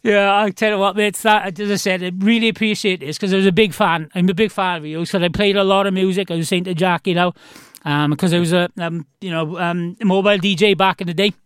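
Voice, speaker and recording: A radio host from the South Wales Valleys, speaking with a local accent, conducts a casual interview in an effusive, matey, rambling manner. He's a fast talker with a high, steady, slightly bright voice, and the clean studio-quality recording has no room sound.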